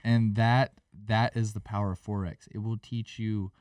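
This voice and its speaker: A man's voice: lowish voice, little pitch movement, moderate pace, a little mellow, clean tone, no echo, far from the mic. A man co-hosting a trading podcast, speaking earnestly and giving the listeners advice. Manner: earnest, preachy, addresses the audience. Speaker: podcast co-host. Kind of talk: podcast conversation.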